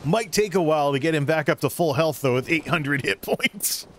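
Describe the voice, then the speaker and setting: A man's voice: a little high, lively intonation, normal speed, noisy background. Man rambling through casual gameplay commentary. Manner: rambling, thinking aloud. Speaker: gaming video creator.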